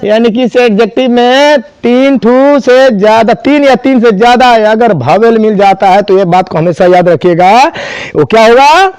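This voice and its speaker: A man's voice: very high voice, normal speed, darkish tone, clean tone, no room sound. A man teaching an English grammar class, spelling words out and quizzing students. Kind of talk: classroom lesson.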